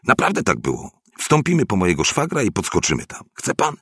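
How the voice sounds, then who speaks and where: A man's voice: on the low side, huge pitch swings, fairly quick, a bit bright, slightly rough, no echo, studio quality, voice pushed up, exaggerated voice. A man reading aloud, voicing a short, sly, good-natured neighbor who coaxes eagerly. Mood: coaxing. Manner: eager, wheedling, coaxing. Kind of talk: audiobook reading.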